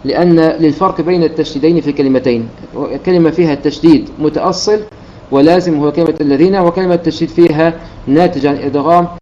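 A man in a dull, lo-fi recording with a faint hiss underneath teaches the rules of Quran recitation. His voice sits a little high and sounds mellow and dark. He talks quickly and methodically, stopping to recite verses as examples. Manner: methodical, explains step by step and quotes verses in chanted recitation. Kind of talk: religious lesson explaining recitation rules.

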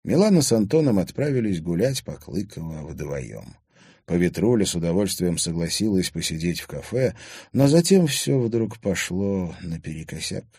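A man narrating an audiobook in a steady, measured storytelling manner. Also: sits low, breathy edge, dry recording, studio quality.

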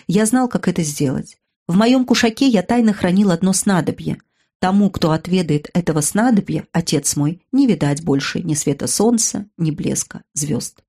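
Low-voiced woman reading an audiobook. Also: normal speed, mellow, breathy edge. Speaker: audiobook narrator.

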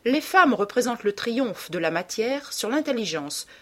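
A woman reading an audiobook and voicing a witty, cynical aristocratic gentleman who speaks in dry aphorisms. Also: fairly high pitch, very animated, normal speed, pitched above the performer's own voice. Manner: languid, dryly witty, aphoristic.

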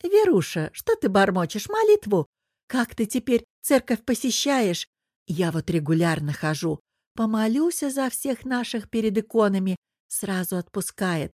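A woman's voice: sing-song, a little slow, no room sound, clean studio sound. Woman doing a gushing, fussy old aunt. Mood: fussing. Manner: cooing, gushing, high and loud. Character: chatty older aunt, fussy and doting.

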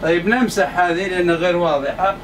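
Male lecturer, high voice, emphatic and repetitive, distant room mic with faint AC hum. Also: steady tone, fast. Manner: emphatic, repeats points to the class. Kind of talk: classroom lecture.

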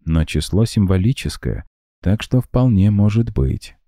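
A composed, perceptive young woman who speaks thoughtfully and evenly, as a deep-voiced male reader puts her on. The voice stays low and dark. Dry close recording. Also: big pitch swings, measured pace, no room sound.

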